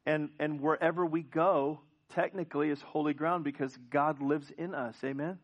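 A man's voice: a little high, fairly even intonation, moderate pace. A male pastor preaching a sermon in a church, asking the congregation questions and often restarting his sentences. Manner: frequent restarts and repeated words. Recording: dull lo-fi church recording.

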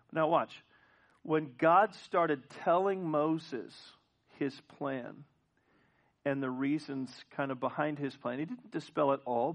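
A male pastor preaching a sermon in a church, asking the congregation questions and often restarting his sentences. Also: mid-range voice. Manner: frequent restarts and repeated words. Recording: dull lo-fi church recording.

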